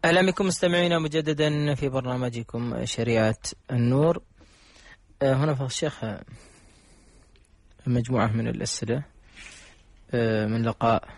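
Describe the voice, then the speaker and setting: A man's voice: mid-range voice, creaky, breathy edge, no echo. A man hosting a religious radio program, courteously reading out listeners' questions. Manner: formal, courteous announcer.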